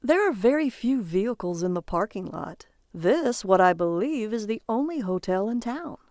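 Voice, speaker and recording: A stranded traveler, read by a woman close to her own voice: polite but frayed, with a dry sarcastic edge. Her voice has a gravelly, close quality. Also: medium pitch, very animated, normal speed, a little mellow, dry recording. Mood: polite, exasperated. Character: bewildered, polite male traveler, adult.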